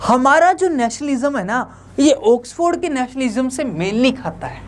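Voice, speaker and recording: A man's voice: very high-pitched, very animated, moderate pace, slight background noise. A young man teaching an online lecture in a conversational way, often asking the viewers rhetorical questions.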